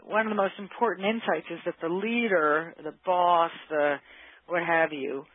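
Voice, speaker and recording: Heard through phone-line audio, a man whose voice sits high keeps a steady tone and a moderate pace. As an interviewed expert on workplace psychology, he lays out his thinking conversationally while reaching for the right words.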